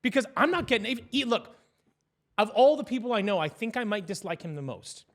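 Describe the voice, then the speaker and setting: Fast-talking, high-voiced man chatting politics. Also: expressive. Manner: blunt, opinionated, profane. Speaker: news show host. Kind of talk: casual political chat.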